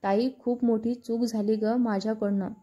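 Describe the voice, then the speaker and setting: A woman's voice: on the high side, flat delivery, normal speed, husky, lo-fi sound. A woman voicing a tearful, pleading younger sister. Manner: pleading, hesitant.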